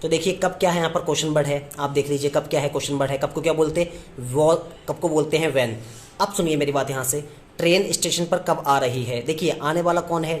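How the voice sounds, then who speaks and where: Male tutor, patient drilling delivery, slows right down on examples, faint background hiss. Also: a little high. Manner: repetitive question-and-answer teaching, slows down to spell out English phrases. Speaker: English teacher. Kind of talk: classroom lesson in Hindi.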